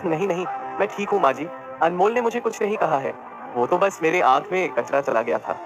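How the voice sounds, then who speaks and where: A man's voice: sits high, lively intonation, a little fast, music in the background. A man voicing an emotional, loyal young woman who pleads and defends. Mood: pleading.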